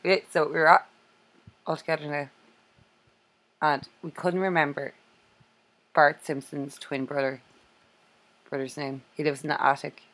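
A woman's voice: sits low, flat delivery, a little slow, pauses often, a bit bright. A young woman co-hosting a casual chat, telling stories with frequent laughter. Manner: chatty storyteller, laughs often.

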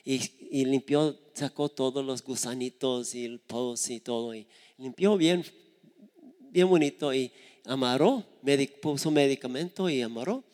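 A man's voice: mid-range voice, measured pace, a little mellow, in a large hall. A man preaching a sermon, telling stories earnestly and acting out the voices of the people he quotes. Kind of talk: sermon with storytelling.

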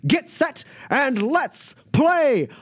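A man voicing a gleeful male arena announcer whose booming, amplified voice carries from outside the room. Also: big pitch swings, full character voice. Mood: hyped. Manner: loud, high, drawn-out showman calls. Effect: booming announcer voice carrying from outside the room.

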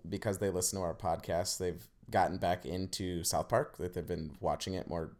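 Animated young man co-hosting a podcast. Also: low-pitched, moderate pace. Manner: animated, rambling, laughs often. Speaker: podcast co-host. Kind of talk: casual chat.

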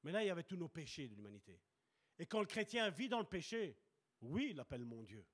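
High, lively, bright-voiced male preacher. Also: fast. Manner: emphatic, repeats short commands. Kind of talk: sermon.

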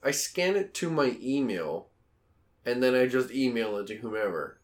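A man's voice: medium pitch, expressive, moderate pace. A man in his thirties co-hosting a casual podcast chat, playful, laughing a lot and spinning out silly scenarios. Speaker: podcast co-host.

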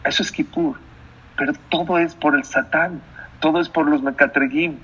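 A man's voice: a little high, fairly even intonation, moderate pace, a bit bright, breathy edge. A man giving a sermon as a rabbi, emphatic, repeating phrases and putting questions to his listeners, on a dull lo-fi recording. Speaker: rabbi, religious teacher.

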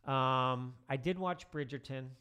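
Speaking a little slowly in a smooth, mid-range voice, a middle-aged teacher chats casually as a podcast guest. He's relaxed and rambles, using many fillers.

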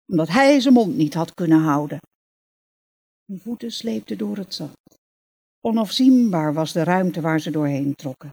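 A woman reading a passage from a novel aloud, measured and expressive. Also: lowish voice, breathy edge. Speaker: reader.

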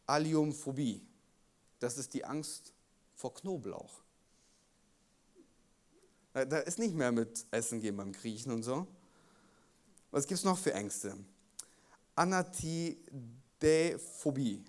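A man preaching a sermon, jokes with his listeners, then turns earnest, swinging between loud emphasis and quiet intensity. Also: a little high. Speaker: pastor.

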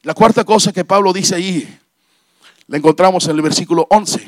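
A middle-aged pastor preaches fervently, with a strikingly high-pitched voice. He repeats his hallelujahs and pushes into shouted peaks. The sound is dry and close, with no room echo. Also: normal speed. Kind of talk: sermon.

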